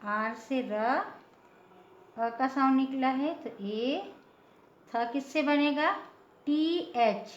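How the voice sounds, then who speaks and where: A woman's voice: high voice, takes it slowly, long pauses. A woman teaching a patient, step-by-step lesson, often checking in with her listeners. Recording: echoey room, dull lo-fi sound.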